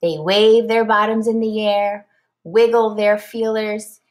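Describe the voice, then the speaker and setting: With a mid-range voice, a woman reads a children's storybook aloud in an expressive, deliberate, teacher-like way.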